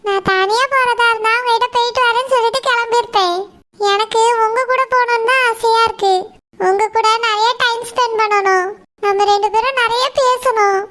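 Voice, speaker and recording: A voice actor playing a hurt young wife in a cartoon who pleads softly with her husband. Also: very high voice, fairly even intonation, brisk. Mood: pleading. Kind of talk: cartoon voice acting. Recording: loud background noise.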